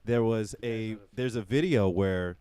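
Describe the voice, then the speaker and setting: A man's voice: fairly low pitch, measured pace, smooth. A man co-hosting a casual podcast chat, telling stories with a sarcastic edge. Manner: animated storyteller, sarcastic. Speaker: podcast co-host.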